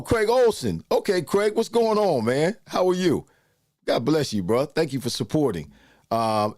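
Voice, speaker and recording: A man's voice: medium pitch, a little mellow, dry recording, studio quality. A man in his sixties hosting a casual live show, chatting loosely and greeting viewers by name. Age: 60s. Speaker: host. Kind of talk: casual livestream chat with viewers.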